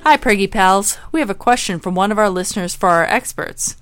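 A woman in her thirties, a labor doula, speaking clearly and steadily. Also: mid-range voice, brisk, music in the background. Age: 30s. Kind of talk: casual podcast talk.

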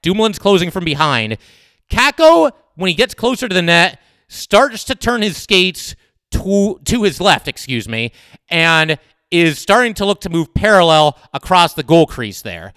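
Young male podcaster, solo analysis, emphatic with fillers, smooth and slightly high voice. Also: unhurried, no room sound, clean studio sound. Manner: animated, emphatic, many fillers. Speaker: sports podcast host.

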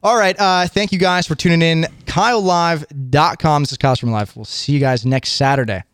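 A man hosting a casual radio show, talking in a quick, upbeat way full of fillers. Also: fairly high pitch, a bit bright, smooth, no echo, studio quality. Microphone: studio mic.

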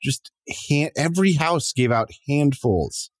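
A man's voice: a little high, lively intonation, measured pace, no echo. A man hosting a podcast in a playful, informal, chatty way. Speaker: podcast host. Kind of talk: casual chat.

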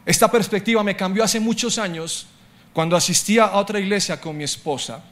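A middle-aged man preaching a sermon as a pastor, telling stories and swinging from loud declarations to hushed asides. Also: high-pitched, fairly quick.

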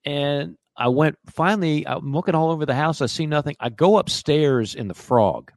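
A man co-hosting a sports radio show, telling a long personal story in a casual, animated way. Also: on the high side, normal speed, no echo, studio quality. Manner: animated storyteller who acts out quoted voices.

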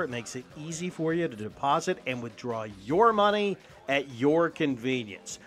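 A man reading a fast legal disclaimer at the end of a sports show ad. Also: on the high side, a bit bright.

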